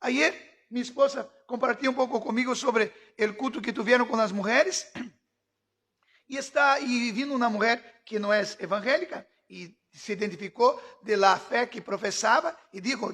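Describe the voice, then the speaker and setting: Very high-voiced fervent male preacher. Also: normal speed. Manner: fervent preaching, shouting at peaks. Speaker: pastor. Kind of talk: sermon.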